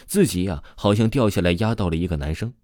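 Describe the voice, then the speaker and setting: A man telling a ghost story in a casual, chatty way, with lots of drawn-out particles. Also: sits low, a little mellow, dry recording, clean studio sound.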